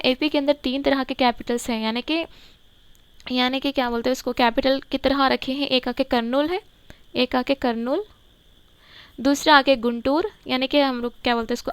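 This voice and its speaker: Lady teacher, high clear voice, repeats stuff so you remember it, dry close sound. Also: dry recording. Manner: explains slowly, repeats key words for memory. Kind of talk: exam-prep current affairs lesson.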